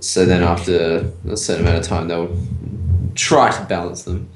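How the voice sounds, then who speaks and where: A man's voice: low voice, steady tone, moderate pace. A teenage boy with an Australian accent, casting a school esports match, rambling and searching for words. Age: teens. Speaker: student shoutcaster. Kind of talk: casual esports commentary. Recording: echoey room, faint noise, clicks.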